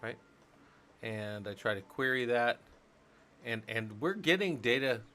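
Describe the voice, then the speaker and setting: This livestream host speaks at a medium pitch with lively intonation, unhurried but pushed and bright. Working at his computer, he rambles casually, thinks out loud, and leans on plenty of fillers, with slight hiss or hum in the background.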